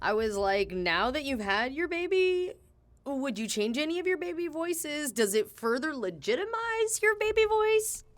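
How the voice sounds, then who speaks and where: A woman hosting a podcast who asks a guest questions in a lively way. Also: high voice, moderate pace. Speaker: podcast host. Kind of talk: interview questions and narration.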